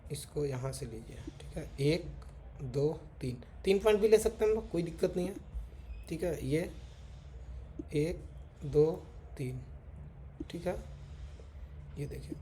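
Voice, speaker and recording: Man, trading teacher, mellow warm tone, faint hiss behind, casual chart walkthrough. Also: on the high side. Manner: repeats "theek hai" constantly, talks while drawing on charts. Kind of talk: casual screen-share chart lesson. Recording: faint background noise.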